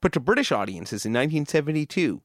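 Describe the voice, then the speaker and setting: A man's voice: fairly high pitch, sing-song, quick pace, no echo, clean studio sound. A man reading scripted documentary narration as a podcast host.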